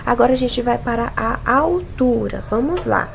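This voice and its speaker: A woman's voice: a little high, animated, moderate pace, creaky, slight background noise. A Brazilian woman teaching a casual music theory lesson, explaining patiently and singing notes and imitating sounds to show them. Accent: Brazilian Portuguese.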